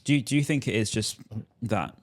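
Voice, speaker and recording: A male podcast host with a medium-pitched voice speaks a little fast in a casual football chat. He's chatty, going on in long wandering stretches packed with restarts and "you know."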